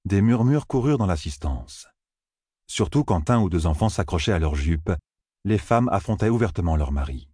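A man narrating an audiobook with a lively, expressive reading and a slightly husky voice. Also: low voice, moderate pace, no echo, clean studio sound. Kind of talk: scripted narration.

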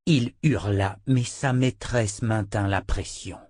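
A man reads a novel aloud in a low voice, taking every part himself. The sound is close and dry, with no room around it. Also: takes it slowly, darkish tone, dry recording. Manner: reads all parts, lifting pitch for the women's lines. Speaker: narrator. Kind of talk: audiobook narration.

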